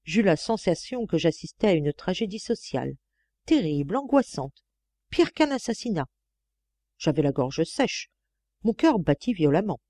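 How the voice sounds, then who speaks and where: A woman narrates a classic novel as an audiobook in a measured, expressive way. Her tone is mellow and relaxed. The recording is dry and close. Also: on the low side, no room sound. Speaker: audiobook reader.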